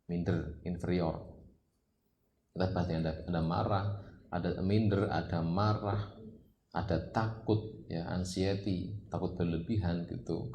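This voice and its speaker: A man's voice: low-pitched, darkish tone, a little hiss or hum. A man preaching a religious study lecture, asking rhetorical questions and rising to emphatic peaks. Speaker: Islamic preacher. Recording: roomy echo, faint ambience.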